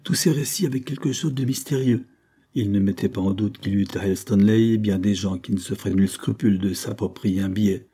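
A man reading a classic novel aloud as an audiobook, at a steady, measured pace. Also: fairly low pitch, breathy edge. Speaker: audiobook reader. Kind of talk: audiobook narration.

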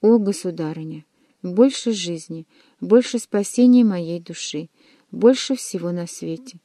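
A woman's voice: lowish voice, measured pace, dark tone, no room sound, studio quality. A woman voicing an ardent, jealous young male nobleman who pleads his love. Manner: pleading, impassioned.

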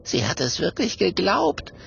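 A man's voice: high voice, huge pitch swings, measured pace, vocal fry, a bit bright, slight background noise, voice pushed up, heavily acted. A man voicing a friendly little male dragon in a children's audiobook, kind and reasoning. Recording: dull audio with faint music.

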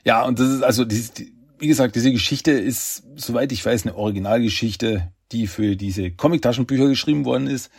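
A man's voice: mid-range voice, a little fast, husky, dry recording, studio quality. A man hosting a podcast, chatting in a loose, rambling way. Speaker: podcast host. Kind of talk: casual chat.

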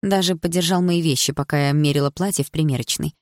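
A woman reading an audiobook in steady, even storytelling narration. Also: low-pitched, fast, no echo, clean studio sound. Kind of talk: scripted narration.

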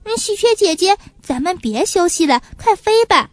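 A woman voicing a small, eager young male pigeon in a storybook reading, quick to stammer when caught out. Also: very high-pitched, animated, no echo, voice pushed up.

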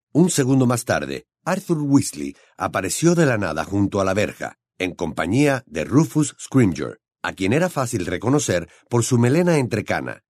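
A man narrating an audiobook in an expressive, storytelling way on a close studio mic. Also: on the low side, no room sound. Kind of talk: scripted narration.

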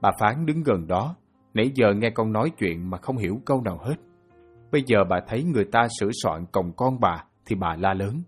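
Low, husky male narrator. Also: expressive, fairly quick, faint music behind. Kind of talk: audiobook novel narration.

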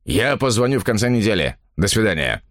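A man's voice: fairly low pitch, very animated, a little fast, a bit bright, no echo, clean studio sound. A man voicing a cold, irritable writer who answers curtly and impatiently, in an audiobook story. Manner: curt, impatient.

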